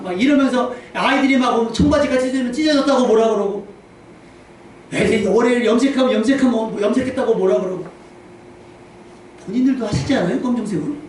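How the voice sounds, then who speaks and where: A man preaching a lively, humorous sermon as pastor, acting out little quoted scenes. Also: very high-pitched, fast. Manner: animated, humorous, acts out quotes. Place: church sanctuary. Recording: very echoey church hall, distant mic, faint noise.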